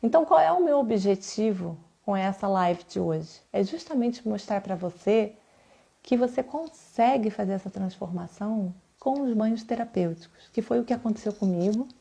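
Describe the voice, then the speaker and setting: A woman's voice: medium pitch, gravelly, mellow. A woman with a Brazilian Portuguese accent who teaches bath therapy. She gives a live class in a chatty way, uses personal examples and often checks in with her audience. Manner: conversational, with frequent tag questions to the audience.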